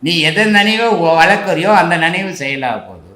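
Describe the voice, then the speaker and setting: An older man explains spiritual ideas to his listeners in a slightly high voice. He speaks colloquially and keeps asking rhetorical questions. The room around him is echoey. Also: lively intonation, moderate pace, bright, forceful tone. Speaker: spiritual teacher. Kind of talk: answering devotees' questions.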